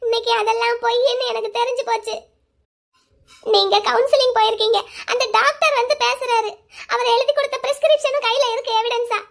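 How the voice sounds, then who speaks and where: A woman voicing a hurt young wife in a cartoon drama, crying and accusing her husband loudly. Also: very high voice, steady tone, fairly quick. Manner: loud, accusing, bitter. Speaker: voice actor.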